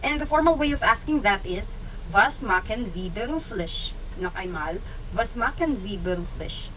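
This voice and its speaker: A woman, teaching German phrases, saying each one slowly and repeating it. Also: mid-range voice, animated, a bit bright, distant mic, slight background noise, poor audio. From Philippines. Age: 20s. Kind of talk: slow, repeated language lesson.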